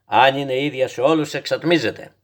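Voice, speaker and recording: A man reads the part of a stubborn, dreamy old grandfather from a storybook, using a medium pitch close to his everyday voice. The grandfather spins outlandish tales with calm, patient certainty, gently instructive and never flustered, treating every wild detail as plain fact.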